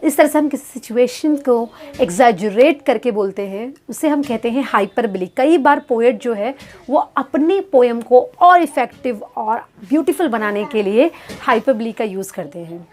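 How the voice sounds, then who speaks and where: A woman teaching English grammar who explains step by step, asks and answers her own questions, and reads the English examples slowly and deliberately. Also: a little high, expressive, a little mellow. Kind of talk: grammar lesson.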